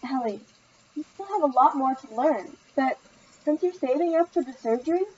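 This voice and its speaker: Gentle teacher Miss Carey, read by a woman. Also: high voice, lively intonation, normal speed, muffled recording, slight background noise, pitched above the performer's own voice. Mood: gentle, apologetic. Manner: gentle, patient, sighing. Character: kind, busy older female sign-language teacher.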